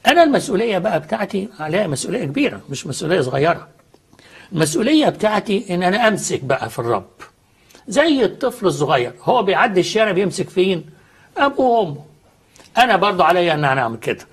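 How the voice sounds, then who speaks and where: A man's voice: sits high, very animated, very fast, breathy edge. A man with an Egyptian accent, a studio guest explaining faith earnestly and answering his own questions.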